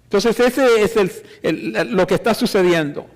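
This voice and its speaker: A man preaches in a high voice, slow and emphatic, asking the congregation question after question. His voice rings with the long reverb of a church hall. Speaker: pastor. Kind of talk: sermon.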